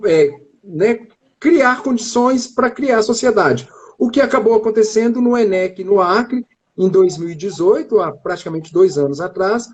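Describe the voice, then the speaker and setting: Husky-voiced Brazilian professor explaining slowly. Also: male voice, sits high, muffled recording. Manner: measured, drawn-out phrasing with pauses. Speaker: interviewed chemistry professor. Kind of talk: live-stream interview, explanatory.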